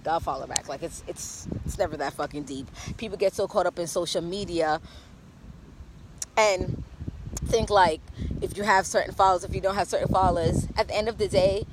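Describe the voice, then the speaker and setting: A woman's voice: medium pitch, slight background noise, poor audio. A woman from Jamaica ranting in a brash, profane, sassy way on a casual phone livestream, outdoors in the rain. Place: outdoors in rainy weather.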